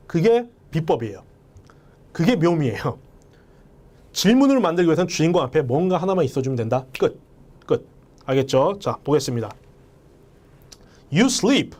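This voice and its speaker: A man's voice: fairly high pitch, a little mellow. A man teaching an English lesson, emphatic and often speaking straight to his viewers. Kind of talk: lecture.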